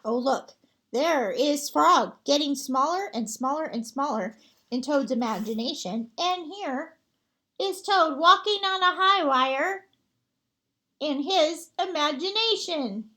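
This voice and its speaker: High-voiced woman reading a picture book. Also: lively intonation, slow pace, bright, forceful tone. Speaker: librarian reading to children. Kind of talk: picture-book read-aloud.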